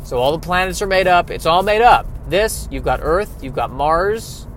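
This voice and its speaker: A man's voice: a little high, lively intonation, normal speed, slight background noise, voice pushed up, close to an everyday voice. A man playing Science, apologetic and awkward. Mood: exasperated. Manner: hesitant, apologetic breakup tone. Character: awkward personified Science phoning a movie.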